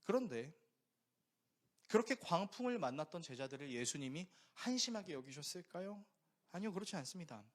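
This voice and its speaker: Male pastor, slightly high voice, very animated sermon delivery, storytelling with rhetorical questions. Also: a little fast.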